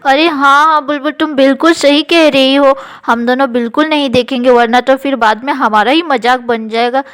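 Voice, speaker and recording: A woman's voice: sits high, steady tone, normal speed, fairly bright tone, clear, resonant tone. A woman voicing a playful young girl doll who teases her friend. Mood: pleading.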